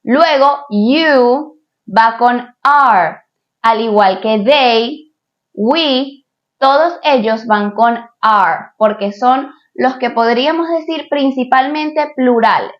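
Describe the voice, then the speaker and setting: A woman's voice: high voice, muffled recording. A woman teaching an English grammar lesson for Spanish speakers, patiently repeating points and checking in with the viewer. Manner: says English examples slowly, twice.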